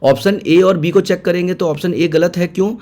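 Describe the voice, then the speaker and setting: A man with a slightly high voice, explaining exam questions one by one. He repeats the key points and slips English terms into his sentences, like a tutor going over answers. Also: fairly even intonation, a little fast, darkish tone. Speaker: teacher.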